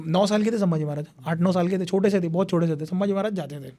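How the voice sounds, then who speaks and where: A young man, a history speaker, telling a long story in animated conversation and acting out what people said. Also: sits high, rapid-fire. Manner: animated retelling with repeated phrases, acts out quotes.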